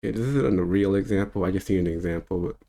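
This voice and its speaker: A spiritual teacher in his thirties delivers a loose, rambling, unscripted monologue, laughing easily as he goes. His voice is deep, fast, gravelly and dark-toned.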